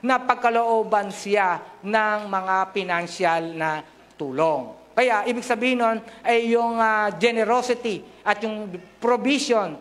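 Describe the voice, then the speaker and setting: A man's voice: high voice, slow, fairly bright tone. A middle-aged man from the Philippines preaching a sermon into a handheld mic in a large church hall, mixing Tagalog and English and joking with the congregation. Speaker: pastor.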